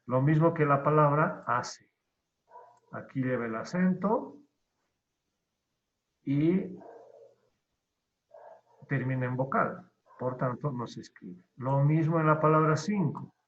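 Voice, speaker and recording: Guy teaching a class over a call, really slow and patient, muffled lo-fi sound. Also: fairly high pitch. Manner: patient, explains step by step, trails off at phrase ends. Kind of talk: online class explanation. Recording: dull lo-fi audio.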